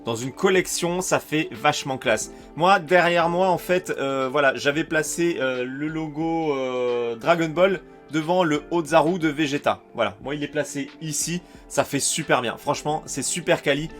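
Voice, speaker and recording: Sharing his screen, a French man who reviews collectibles on YouTube tours a shopping website in a relaxed, enthusiastic manner, dropping fillers throughout. He speaks at a moderate pace with few pauses, his voice on the high side and fairly bright, with faint music in the background.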